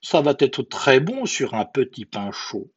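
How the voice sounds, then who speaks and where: A man's voice: medium pitch, sing-song, a little slow, slightly rough, no echo. A man doing a big gullible monster. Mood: curious. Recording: dull lo-fi recording.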